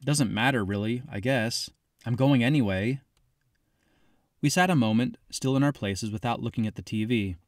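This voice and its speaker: A man's voice: medium pitch, normal speed, dry recording, clean studio sound. Man reading a confiding first-person audiobook. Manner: reflective, confiding, addressing the listener as "you". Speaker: audiobook narrator.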